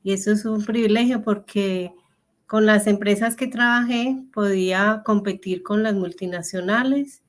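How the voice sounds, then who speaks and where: A woman's voice: medium pitch, steady tone, unhurried. An older woman from Colombia with a Paisa accent, a guest in a podcast interview, talking in an earnest, proud way. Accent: Colombian Paisa (Antioquia).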